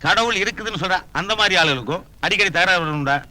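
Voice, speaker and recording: A naive, curious god among men. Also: male voice, sits high, fast, sharp tone. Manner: wondering, innocent questioning. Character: god visiting earth as a man, naive and curious. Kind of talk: Tamil film comedy acting.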